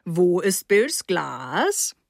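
A woman's voice: lowish voice, wildly swooping pitch, very slow, gravelly, no room sound, studio quality, heavily acted. A woman voicing a boozy, jovial middle-aged man who leers and drawls in a storybook reading.

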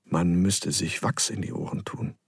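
A man's voice: low voice, steady tone, unhurried, creaky, breathy edge, no echo, studio quality, pitched below the performer's own voice, exaggerated voice. Angelita, a teasing girl, as a man reads her. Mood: playful. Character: Angelita, a bold, playful young girl.

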